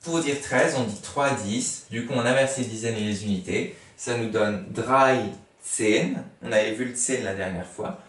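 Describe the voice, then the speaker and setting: A man's voice: mid-range voice, measured pace, hardly any pauses, fairly bright tone. A man teaching a lesson, spelling words out letter by letter and patiently repeating each one as he thinks aloud. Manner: patient, repeats each word several times. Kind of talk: explaining a language lesson to a class. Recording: echoey room, voice far from the mic.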